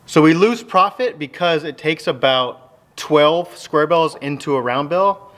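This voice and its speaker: Holding his phone at arm's length, this Texan farmer in his thirties vlogs from a large open metal barn, explaining things in a relaxed, meandering style. He speaks a little slowly, with a fairly high, animated voice and a fairly bright tone.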